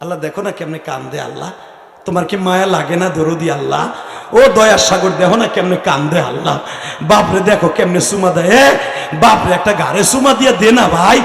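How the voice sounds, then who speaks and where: A man preaching a fiery sermon at a large outdoor gathering, shouting commands to the crowd and breaking into a wailing, half-sung tone. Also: high-pitched, fairly quick, creaky. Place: large outdoor religious gathering under a pandal. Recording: echoey public-address sound with long reverb.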